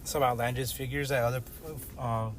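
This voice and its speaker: A man's voice: mid-range voice, level tone, a little fast. A man bantering casually as a podcast co-host, talking like a frat bro with lots of slang. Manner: slangy frat-bro talk, peppered with "bro" and "dude". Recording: music behind the voice. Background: music.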